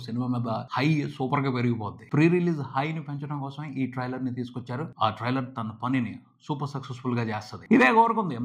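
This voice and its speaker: Rapid-fire, hyped male film commentator. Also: mid-range voice, muffled recording. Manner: emphatic and hyped, piling up short exclamations. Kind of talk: enthusiastic film trailer review.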